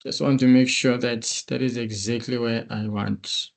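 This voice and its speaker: A man's voice: mid-range voice, steady tone, unhurried, gravelly. A male instructor on a video call, walking through a screen-share tutorial step by step in a methodical way. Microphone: computer mic on a meeting call.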